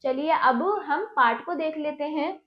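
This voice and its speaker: A woman teacher giving a children's lesson, slowly repeating each word and asking simple questions. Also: high voice. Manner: slow drilling, repeats each word carefully with rising questions. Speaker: Hindi teacher. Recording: roomy, dull lo-fi sound.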